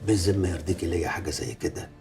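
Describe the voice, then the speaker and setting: In a film drama, an actor with an Egyptian accent voices a middle-aged man who hides his scheming behind pious talk as he threatens his ex-lover. The voice sits low and steady, rapid-fire, gravelly and darkish, with soft background music. It sounds sanctimonious and menacing, thick with religious language.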